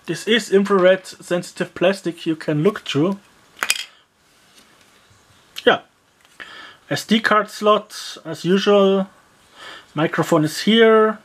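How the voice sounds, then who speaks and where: Over a faint hiss or hum, a medium-pitched speaker gives a casual product teardown of a cheap gadget. The commentary rambles, peppered with "yeah," "uh," and grumbled asides.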